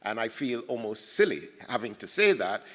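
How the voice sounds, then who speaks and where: A man from Ghana muses through a panel talk, stumbling over words and restarting as he gathers his thoughts. His voice is bright and ringing, and it hangs in the long reverb of a big hall. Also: medium pitch, big pitch swings. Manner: halting, many restarts, thoughtful. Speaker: panel speaker at a poetry festival.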